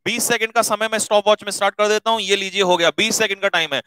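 A man teaching exam vocabulary, brisk and coaxing, repeating words so students can note them down. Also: sits high, fairly even intonation, sharp tone, a little hiss or hum, low-quality recording. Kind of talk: exam-prep video lesson.

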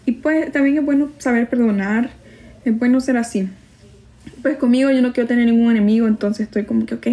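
A woman's voice: on the high side, a little fast, warm tone. A young woman from El Salvador with a Salvadoran Spanish accent tinged with Mexican, chatting casually on a livestream, gossipy and laughing easily as she answers comments. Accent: Salvadoran Spanish with some Mexican. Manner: reads viewer comments aloud. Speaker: livestream host. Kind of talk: casual live-stream chat.

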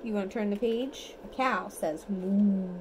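Reading a picture book to her toddler at bedtime, a mother uses an encouraging, sing-song tone typical of talking to small children. Her voice is medium in pitch and measured in pace. The phone recording her sits at arm's length, and background noise can be heard.

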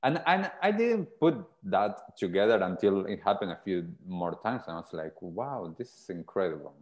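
A man's voice: sits low, big pitch swings, moderate pace, darkish tone. A man in his thirties from Argentina, a podcast guest telling his story in an earnest, reflective way over a video call with earphones. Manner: earnest, reflective, gestures while talking. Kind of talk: casual interview storytelling. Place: small indoor room. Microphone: earphone headset on a video call.

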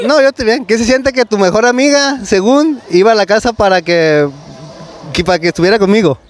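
A man's voice: high voice, brisk. A young man with a Mexican Spanish accent, a contestant at an outdoor market, talking bluntly and casually.

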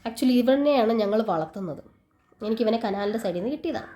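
A woman, telling a lively story in a casual home vlog. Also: fairly high pitch, quick pace. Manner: lively storytelling, talks to her pets. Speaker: vlogger.

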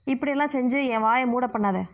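A woman's voice: high voice, brisk, close to an everyday voice. Woman voicing a bossy lecturing aunt. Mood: scolding. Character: bossy middle-aged aunt, scolding and lecturing. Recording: muffled lo-fi recording.

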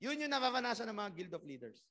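Bright high-voiced man giving a motivational talk. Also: very animated, quick pace. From Philippines. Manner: rhetorical questions, loud emphatic rises. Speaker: network marketing trainer. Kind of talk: motivational orientation talk to a crowd.

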